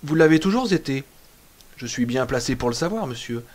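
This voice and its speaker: A man doing a courteous, eerily calm waiter. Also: mid-range voice, brisk, natural voice. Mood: politely eerie. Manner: formal, courteous, unruffled. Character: soft-spoken, eerily polite male hotel waiter.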